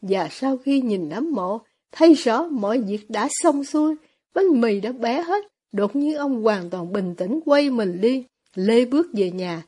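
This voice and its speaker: A woman reads a novel aloud in a steady, scripted storytelling manner. Her voice sits high and has a husky, breathy edge. The delivery stays even and measured as she narrates. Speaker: audiobook narrator.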